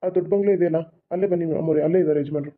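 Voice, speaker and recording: A woman's voice: low voice, voice pushed down. A woman voicing an adult male aide who urgently reports bad news over the phone. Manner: urgent, respectful, hurried. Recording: tinny phone-like sound.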